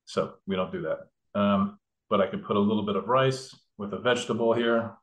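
A man with a fairly low voice talks fairly quickly as he demonstrates a recipe in a kitchen. He describes each step casually, full of fillers and restarts, and the recording has an echoey room sound.

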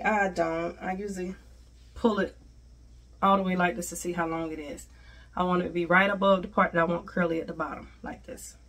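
An American woman in her thirties hosts a casual, chatty hair tutorial from a small home bathroom. Her voice is lowish with vocal fry, and it sounds distant because the camera is set a short distance away.

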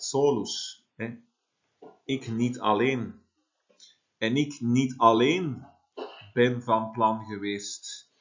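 Guy teaching latin, slow and patient, kinda dull lo-fi sound. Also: fairly low pitch. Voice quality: explains step by step, many tag questions. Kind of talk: classroom lesson.

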